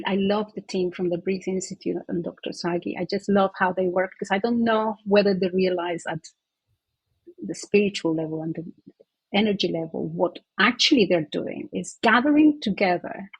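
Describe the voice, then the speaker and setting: A woman therapist, a guest in an interview, telling an earnest, animated anecdote in conversation. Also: mid-range voice, normal speed, breathy edge, no echo, low-quality recording.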